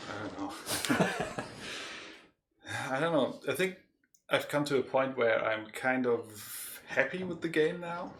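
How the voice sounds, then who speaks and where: A man's voice: mid-range voice, expressive, unhurried, long pauses, fairly bright tone. A tired man co-hosting a casual livestream chat, laughing often and hesitating with lots of fillers. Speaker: podcast co-host and game developer.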